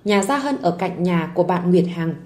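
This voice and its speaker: A woman narrating a story audiobook in a gentle, soft storytelling voice. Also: on the low side, animated, normal speed.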